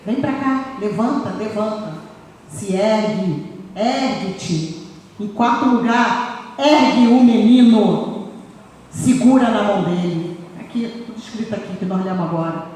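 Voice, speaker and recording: A woman's voice: medium pitch, measured pace, a little mellow. A woman preaching a sermon with emphasis, often repeating phrases for stress. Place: church sanctuary. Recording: echoey hall, voice far from mic, faint noise.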